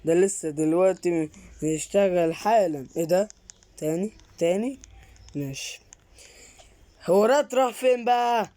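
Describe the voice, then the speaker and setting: A woman gamer with an Egyptian Arabic accent improvises a casual Roblox role-play film, exclaiming, asking questions and repeating her phrases. Her voice is on the low side and mellow, at normal speed with long pauses and no echo.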